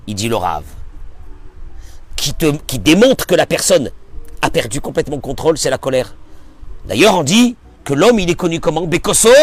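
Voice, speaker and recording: A man, a rabbi, giving a spoken Torah lesson, emphatic, asking and answering his own questions, swinging from near-shouts to hushed asides. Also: fairly high pitch, breathy edge. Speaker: rabbi teaching a Torah class.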